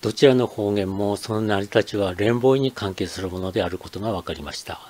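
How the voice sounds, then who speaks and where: Older man, low voice, measured scripted narration for a dialect lesson video. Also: darkish tone. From Akita, Japan. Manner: measured, explanatory reading. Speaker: channel host.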